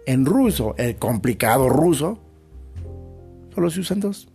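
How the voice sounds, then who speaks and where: A man's voice: mid-range voice, sing-song, a little slow, mellow, faint music behind. A Mexican man hosting a podcast, talking through a casual, thoughtful monologue with slangy asides. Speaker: podcast host. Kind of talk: reflective monologue.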